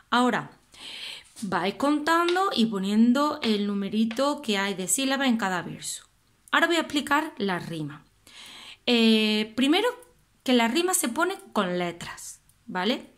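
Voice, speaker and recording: A woman with a Spain Spanish accent, patiently explaining poetic meter and rhyme to her students, slowly sounding out syllables. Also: medium pitch. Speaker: teacher. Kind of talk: classroom explanation of poetry meter.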